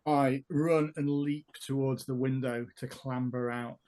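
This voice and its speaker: A man at a tabletop game voices his character's choices at an ordinary mid pitch. He thinks aloud and pieces the scene together one step at a time. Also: steady tone, measured pace, darkish tone. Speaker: player. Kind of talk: tabletop role-play storytelling.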